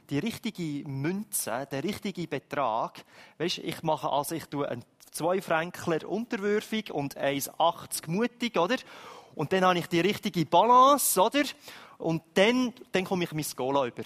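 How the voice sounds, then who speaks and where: Man, Swiss German accent, sermon, lively, emphatic, high voice. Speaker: preacher.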